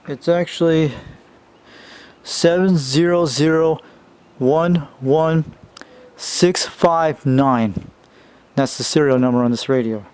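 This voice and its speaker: A man with a fairly high, darkish, clear and resonant voice speaks slowly, pausing often. He's a radio hobbyist rambling casually through a hands-on show-and-tell of a vintage CB radio, calling his viewers "you guys." The audio is a noisy amateur home video.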